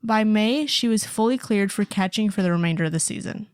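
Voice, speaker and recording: A woman's voice: medium pitch, brisk, a little mellow, clear, resonant tone, no room sound, studio quality. A woman co-hosting a podcast, chatting casually and reading out listener stories, with lots of fillers and laughter. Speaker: podcast co-host.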